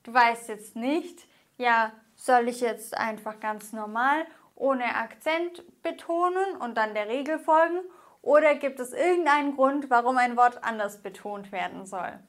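Slow-speaking woman teaching Spanish grammar. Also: fairly high pitch. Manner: patient, stressing example words slowly. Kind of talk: explaining grammar rules to camera.

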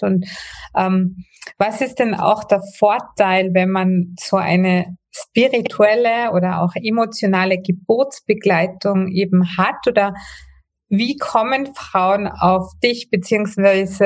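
A woman hosting a podcast, welcoming a guest and asking long, rambling questions in a casual way. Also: mid-range voice. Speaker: podcast host.

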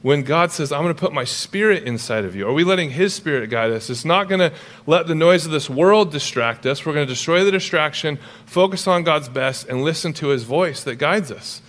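A middle-aged male pastor preaching a sermon in a lively, conversational way with humorous asides. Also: fairly high pitch, normal speed.

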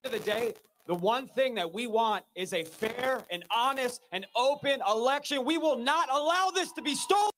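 A man delivers a rally speech in a very high, raised voice. He is emphatic and breaks into shouts on key lines. The recording has some noise and clicking. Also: moderate pace, poor audio. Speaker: rally speaker, protest organizer.

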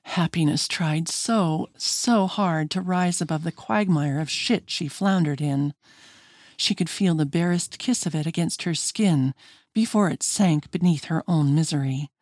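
Woman narrating an audiobook, low and dry. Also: dry recording. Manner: measured, expressive reading. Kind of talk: scripted narration.

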